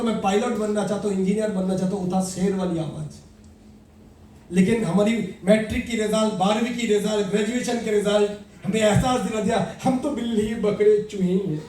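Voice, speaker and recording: A man giving an animated motivational talk, telling a fable and acting out its characters. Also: sits high, slight background noise. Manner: animated storyteller, acts out characters. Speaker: motivational speaker. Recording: echoey room, mic at a distance.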